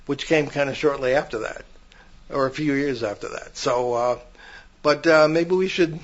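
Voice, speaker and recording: An older man co-hosts a paranormal podcast, telling long stories in casual chat with frequent restarts. His medium-pitched voice moves at a normal speed, and the audio sounds dull.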